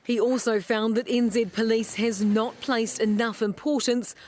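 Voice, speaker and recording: Higher-voiced New Zealand woman reporting news. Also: fairly even intonation, moderate pace, a little mellow, a little hiss or hum. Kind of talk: scripted news report narration.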